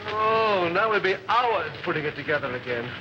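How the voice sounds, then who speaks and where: An actor playing a mildly grumbling gentleman in 1930s Hollywood film style. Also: sits high, lively intonation, moderate pace, lo-fi sound. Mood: absorbed. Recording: noisy old film soundtrack.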